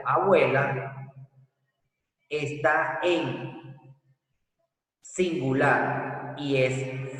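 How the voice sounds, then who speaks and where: A man teaching a recorded grammar lesson, explaining slowly and deliberately and asking rhetorical questions. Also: medium pitch, a bit bright. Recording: echoey room from far off.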